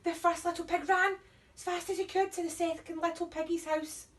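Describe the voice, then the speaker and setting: A woman reading a children's story aloud in an animated, sing-song delivery for small children. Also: extremely high pitch, brisk, distant mic.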